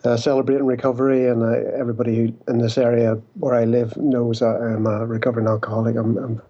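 A man's voice: mid-range voice, flat delivery, quick pace, mellow, husky. British man over a breaking-up call. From Britain. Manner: hesitant, many fillers. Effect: breaking-up remote call connection. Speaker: podcast guest, addiction researcher. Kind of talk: casual remote interview. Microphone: remote call mic. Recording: dull lo-fi call audio.

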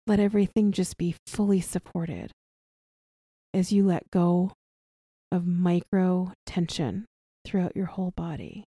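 A woman guides a somatic relaxation practice in a soft, soothing way. Her pace is very unhurried and her tone is mellow and relaxed. She leaves long pauses between gentle instructions, in a dry, intimate recording. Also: on the low side, husky, dry recording.

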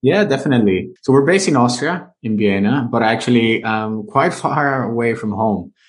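A man from Venezuela in his thirties, a business owner telling his career story in a casual interview, animated as he tells it. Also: medium pitch, moderate pace. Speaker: guest, live streaming business owner.

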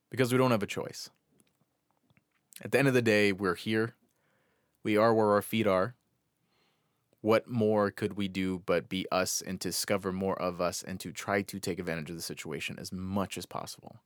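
An American man hosting a podcast alone from a small bedroom closet, speaking reflectively and earnestly in halting short phrases. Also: lowish voice, no echo. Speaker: podcast host. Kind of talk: reflective solo podcast monologue. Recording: close, dry closet recording.

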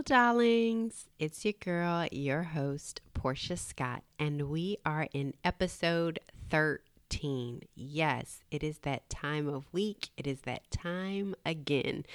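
A woman's voice: deep voice, smooth, dry recording, clean studio sound. A woman hosting a motivational podcast solo, chatting expressively and personally, straight to her listeners as if to friends. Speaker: podcast host.

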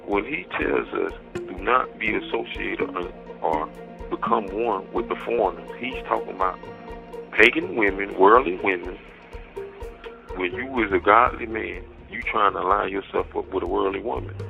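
A gravelly, creaky male voice squeezed through a thin prison payphone line. He rambles in a preachy way, leans on scripture, and slides into heated accusations. Music plays clearly underneath. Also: fairly low pitch, expressive, moderate pace. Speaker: inmate on a prison phone call. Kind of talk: rambling phone talk. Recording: tinny phone line with music behind.

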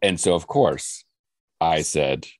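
A man's voice: extremely low pitch, takes it slowly, a little mellow, dry recording, clean studio sound. A man hosting a podcast in a casual, joking chat. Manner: joking, playful. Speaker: podcast host.

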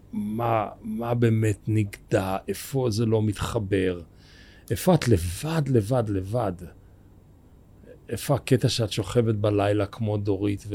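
A man's voice: on the low side, mellow. A man, interviewing conversationally as a podcast host.

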